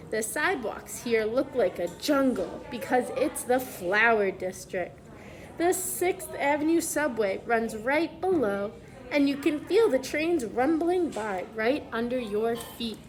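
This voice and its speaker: A preschool teacher with a high voice reads a picture book aloud to young children. She stops now and then to ask them questions, keeping things instructive.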